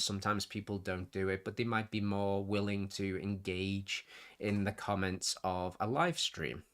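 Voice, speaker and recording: A YouTube hobby channel host runs his own live stream, talking in a fairly low, fairly bright voice that sounds nasal and sniffly. He rambles in a chatty way, interrupting and correcting himself as he goes.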